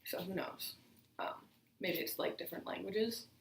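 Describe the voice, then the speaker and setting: A woman's voice: medium pitch, moderate pace, vocal fry, in a whisper. Woman vlogger, casual rambling chat while eating, roomy distant audio with faint hiss. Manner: chatty, rambling with fillers between bites.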